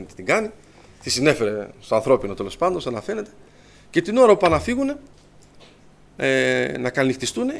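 A man telling his personal testimony to a congregation, lively and storytelling, acting out what others said. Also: medium pitch, vocal fry. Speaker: church member giving testimony.

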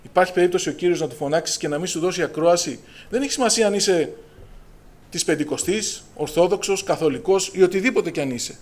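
A middle-aged man preaching a fervent Pentecostal sermon, raising his voice when he quotes scripture and calling out to his listeners. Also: high voice. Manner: fervent, preacher's call-and-response, raises voice on scripture.

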